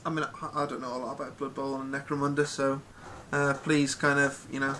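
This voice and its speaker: A man's voice: medium pitch, flat delivery, a little fast, pushed and bright, slight background noise. A man hosting a casual live chat, rambling with plenty of ums and restarts. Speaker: podcast host.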